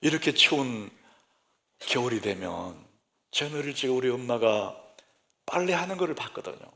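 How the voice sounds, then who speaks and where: A man, a senior pastor, preaching a sermon through lively, humorous stories. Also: mid-range voice, normal speed, vocal fry. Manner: lively anecdotal storytelling, humorous.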